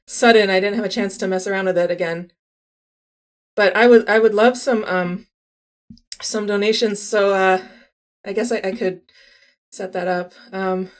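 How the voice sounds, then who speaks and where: A woman in her forties chatting casually with viewers on a live stream, laughing often and restarting her sentences. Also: medium pitch. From California. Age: 40s. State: a little out of breath.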